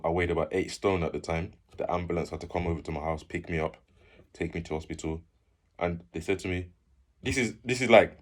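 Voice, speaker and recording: Young man, very low voice, chatty animated storyteller doing the other voices. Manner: animated, acts out quoted people in raised voices. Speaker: fitness channel host. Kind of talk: casual storytelling.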